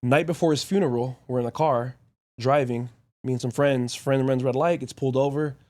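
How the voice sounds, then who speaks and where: A man's voice: mid-range voice, steady tone, a little mellow. A young man hosting a podcast, telling a story casually in short, blunt, profane bursts. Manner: blunt and profane, rapid anecdotes in short clauses. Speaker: podcast host.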